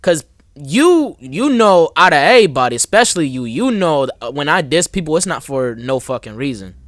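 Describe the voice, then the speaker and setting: A man's voice: a little high, very animated, normal speed, fairly bright tone, no room sound. A young man hosting a casual chat, talking bluntly in slang with lots of "like" and "bro". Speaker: host.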